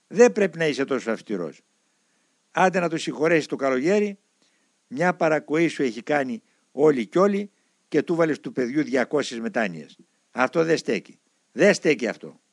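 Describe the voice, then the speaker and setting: Guy voicing a gentle old monk, coaxing and chiding, pitch jumps around a lot, dry sound. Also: no echo. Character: kindly old monk pleading for mercy.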